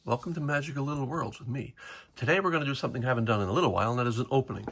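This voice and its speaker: A man's voice: medium pitch, racing, fairly bright tone. A man casually talking through a toy unboxing in his home workshop, rambling with fillers. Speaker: toy collector vlogger.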